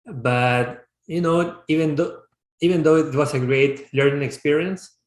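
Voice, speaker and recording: A man's voice: fairly high pitch, steady tone, a little slow. Reflective man from Peru, roomy sound. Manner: reflective, searching for words with frequent restarts. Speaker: startup founder and CEO. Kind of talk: casual interview answers.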